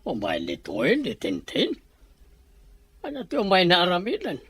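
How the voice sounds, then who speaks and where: Doubtful reproachful husband acted by a man, audio drama, lively pitch, dry sound. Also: a little slow, breathy edge, no room sound, full character voice.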